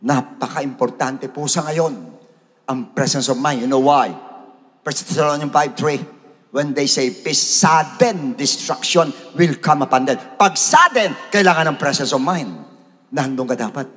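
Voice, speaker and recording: A Filipino man preaching a sermon, dramatic, swinging from shouts to hushed asides, in a church hall. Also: mid-range voice, a little slow. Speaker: pastor. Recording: long reverb of a church hall.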